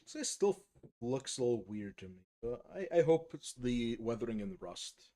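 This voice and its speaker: A man with a mid-range voice and normal speed talks casually on a live stream as he paints miniatures, rambling with many fillers and restarts. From the United States, he was raised speaking Polish and has a slight Polish accent.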